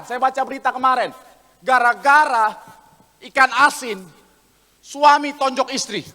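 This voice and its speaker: A high-pitched, bright male pastor preaching to his congregation with animated humor. His voice rings out through a reverberant church hall. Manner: animated, acts out voices in anecdotes, calls the congregation "saudara". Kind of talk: lively comedic sermon.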